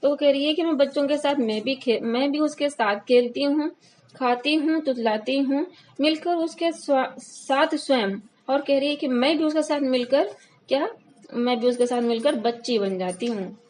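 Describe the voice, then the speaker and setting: A woman teacher reading a poem aloud slowly and explaining it line by line for students. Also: high voice, a little mellow, rough recording. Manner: reads verses slowly, then explains line by line. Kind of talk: Hindi poetry lesson, reading and explaining.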